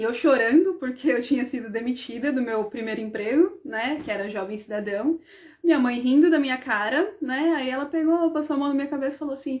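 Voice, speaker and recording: A woman's voice: fairly high pitch, a little mellow. A woman hosting a live stream, telling stories from her own working life in a casual, chatty way, often checking in with her listeners and acting out the dialogue. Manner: chatty, often adds "né?" and addresses the audience as "gente". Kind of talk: casual personal storytelling.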